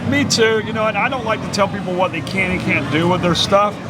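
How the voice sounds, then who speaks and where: With street noise in the background, a man hosting a casual outdoor podcast on a busy street talks fairly quickly in a high voice. He rambles and stammers, restarting often and laughing a lot.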